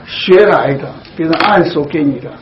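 A man with a high-pitched voice leads a Bible study, talking slowly and with many fillers as he explains scripture to a church group. The recording is dull and muffled, with a faint hiss behind him. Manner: slow, deliberate, with frequent fillers. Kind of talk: Bible teaching to a congregation.

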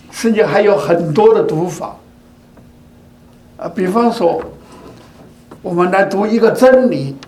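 High-pitched yet a little mellow, an older man's voice preaches a sermon full of repeated phrases, asking rhetorically whether his listeners agree. The preacher is recorded in an echoey room.

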